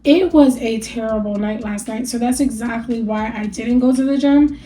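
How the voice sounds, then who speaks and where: A young adult woman talking casually to her viewers in a mellow, slightly high voice. She is candid and encouraging, chats openly, and sounds a little stuffy from allergies. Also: moderate pace, faint music behind, poor audio. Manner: chatty, candid and encouraging, laughs often. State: allergies, a bit stuffy after a rough night. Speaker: vlogger sharing a weight loss journey. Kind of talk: casual talk to camera.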